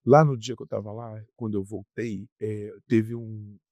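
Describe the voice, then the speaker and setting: A man's voice: fairly low pitch, measured pace, no room sound. A man, a rock singer, telling stories casually as a podcast guest, full of fillers and repeated words. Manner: animated, repetitive storyteller with frequent fillers. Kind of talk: casual storytelling interview.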